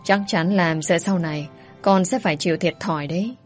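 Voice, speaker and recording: A woman's voice: lowish voice, faint music behind, close to an everyday voice. A woman voicing a bossy older mother who scolds her daughter and schemes to marry her off. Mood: scolding. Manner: scolding, brisk.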